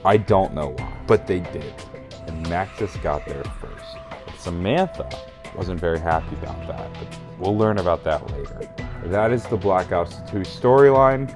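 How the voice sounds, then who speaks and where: A man's voice: sits low, lively intonation, moderate pace, music in the background. A very drunk man rambling through a casual comedic retelling as host, emphatic and profane, often losing track and correcting himself. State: very drunk, burping. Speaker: host retelling a video game storyline.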